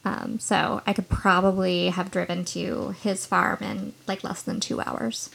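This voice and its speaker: A woman's voice: lowish voice, fairly even intonation, a little slow, creaky, fairly bright tone, breathy edge. A woman from Washington state co-hosting a true-crime podcast, explaining things thoughtfully with a few fillers. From Washington state, United States. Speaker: podcast co-host.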